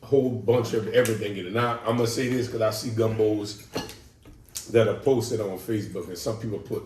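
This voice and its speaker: A man's voice: on the low side, steady tone, fairly quick, darkish tone, distant mic. A man from New Orleans with a local accent, talking over a family dinner and explaining at length with many fillers and firm emphasis. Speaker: husband, father. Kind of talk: casual family mukbang chat. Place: home dining table. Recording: echoey room, from off mic, faint noise.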